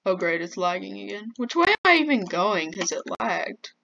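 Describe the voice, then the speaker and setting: A woman's voice: mid-range voice, very animated, normal speed, gravelly, a bit bright, a little hiss or hum. A woman commenting while she plays a game, jumpy and easily flustered, often exclaiming. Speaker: gamer. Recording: dull lo-fi mic.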